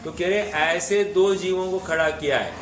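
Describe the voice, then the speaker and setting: A man teaching a scripture class, asking his students questions and explaining slowly and patiently with many pauses. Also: sits high, a bit bright, slight background noise. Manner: asks the class questions and repeats their answers. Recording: echoey room recording.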